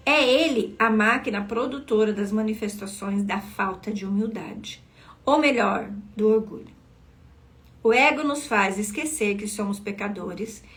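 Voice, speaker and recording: A woman's voice: a little high, fairly bright tone. Earnest woman leading a devotional. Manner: earnest, asks listeners questions directly. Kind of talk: devotional teaching reading from a book.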